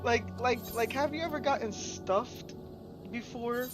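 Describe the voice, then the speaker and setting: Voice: mid-range voice, measured pace, music in the background. A game streamer chatting casually on a live stream, stuffed and sleepy after eating, rambling and laughing often.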